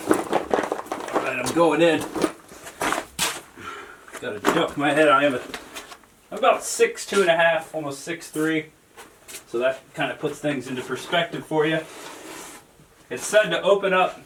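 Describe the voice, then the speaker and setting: A man narrating a casual solo exploring vlog, talking straight to his viewers in short, deliberate phrases. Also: a little high, fairly bright tone, slight background noise. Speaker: solo explorer filming a cave tour for viewers. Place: on a forest trail and in a small cave.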